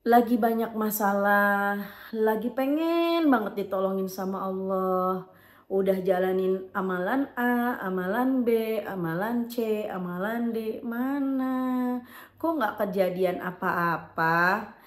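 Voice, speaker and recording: A woman host reading out a viewer's letter and talking to her audience, expressive and emotional. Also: mid-range voice, takes it slowly. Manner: expressive, emotional, lively swings in loudness. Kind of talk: reading a letter, then heartfelt talk to viewers. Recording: roomy, echoey room.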